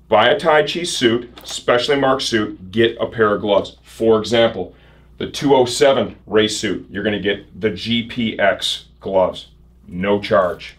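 A man's voice: lowish voice, measured pace. Upbeat male shop promo host. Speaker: host of a motorcycle gear shop show. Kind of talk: casual sales promo presenting. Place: indoor shop set.

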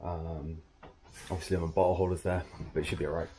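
A man's voice: low-pitched, little pitch movement, quick pace. A man in his thirties chatting casually to camera while cycle touring, rambling with restarts and small laughs. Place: windy seaside street outdoors. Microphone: action camera close to the face. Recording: loud wind and traffic noise.

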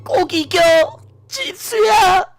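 Panicky cartoon bystander, squeaky high, narrating a fight like it's life or death, super melodramatic. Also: male voice, lively intonation, slow pace, over music, heavily acted. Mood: frantic. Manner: melodramatic, exclamatory. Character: overwrought onlooker giving breathless battle commentary. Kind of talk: comic cartoon dub.

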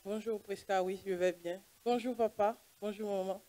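A woman's voice: medium pitch, fairly even intonation, moderate pace, dark tone. A woman, a doctor giving an earnest church testimony and acting out the dialogue as she tells it. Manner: earnest storytelling, plays out dialogue.

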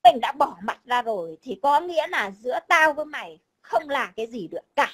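Blunt high-voiced woman. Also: sing-song, brisk, rough recording. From Vietnam. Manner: blunt, combative, swears, keeps repeating a tag word. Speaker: overseas Vietnamese guest. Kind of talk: casual chat.

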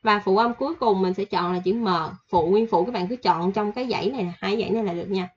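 Husky-voiced woman teaching casually. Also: mid-range voice, a little mellow, dull audio. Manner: chatty, repeats examples slowly with fillers. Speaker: Korean language teacher. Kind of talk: casual online lesson.

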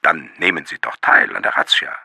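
A man reading an audiobook, voicing a rough, hoarse, pushy male police sergeant. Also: fairly quick, bright, forceful tone, no room sound, clean studio sound. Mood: insistent.

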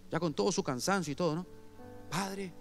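A man preaching a sermon as pastor, telling a story with hushed asides and loud bursts. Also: fairly high pitch, racing, faint music behind. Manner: animated storyteller, swings between hushed asides and loud outbursts. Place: church service.

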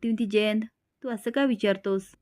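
A woman narrating a TV serial recap in a steady scripted read, speaking every character's lines in the same plain voice. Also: medium pitch, fairly quick. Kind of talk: scripted narration with acted quotes.

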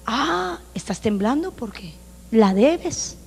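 A woman pastor with a Honduran Spanish accent preaches a sermon emphatically and loudly to a congregation, acting out quotes as she goes. Her voice sits on the high side, sing-song, creaky and slightly rough, and she takes it slowly. The church sanctuary gives the recording a long reverb.

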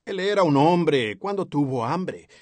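A man's voice: on the high side, lively intonation, measured pace, heavy background noise. A man dubbing a sermon as an interpreter, earnest and following the preacher's rhythm, on a close studio mic. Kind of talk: dubbed sermon translation.

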